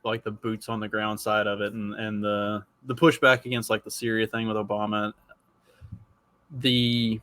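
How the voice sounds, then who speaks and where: A man's voice: on the low side, bright, forceful tone, dry recording. A man of forty talking in a casual podcast chat, profane and rambling, with many restarts. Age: 40s.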